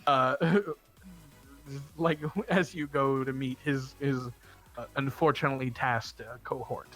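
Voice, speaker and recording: A man narrating as game master of a tabletop game, halting and restarting often. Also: medium pitch, steady tone, fairly bright tone, soft background music. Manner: halting, with many fillers and restarts.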